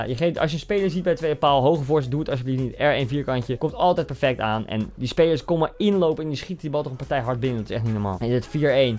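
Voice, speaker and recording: Young guy rattling off quick commentary on his football game, gets loud and hyped, some faint music under it. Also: mid-range voice. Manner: excitable, shouts and cheers at goals, chatty asides to viewers. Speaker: gaming YouTuber. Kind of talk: live gameplay commentary.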